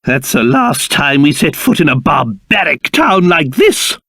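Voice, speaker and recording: A man voicing a pompous, excitable old cursed king in a video game, with a British accent and old-fashioned, theatrical speech. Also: fairly high pitch, measured pace, gravelly, no echo, studio quality, exaggerated voice. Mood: brisk, regal. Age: older. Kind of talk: video game character voice acting.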